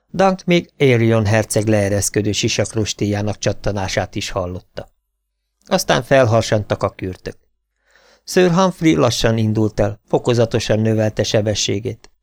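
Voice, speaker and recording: A man with a low voice reads a fantasy audiobook in a steady, measured storytelling manner. The recording is close and dry, with no room echo. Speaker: audiobook reader.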